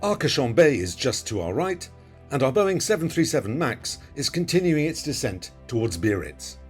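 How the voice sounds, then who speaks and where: A man's voice: medium pitch, very animated, moderate pace, husky, soft background music. A man narrating in a scripted, explanatory voice-over with an instructive manner. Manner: instructive, quizzing the viewer. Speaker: flight video narrator.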